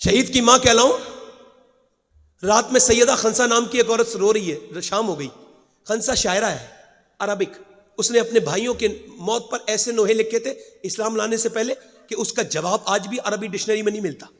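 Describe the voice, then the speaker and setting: A man preaching an emotional sermon to a gathering, dropping to hushed storytelling and rising to high shouted climaxes, urging the crowd to respond. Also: long reverb tail. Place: large gathering hall.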